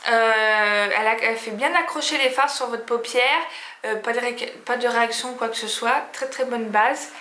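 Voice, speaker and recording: Bright-voiced hesitant woman vlogger. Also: on the high side, moderate pace. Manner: hesitant, many fillers and restarts. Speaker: beauty vlogger. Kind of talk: casual product review. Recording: echoey room.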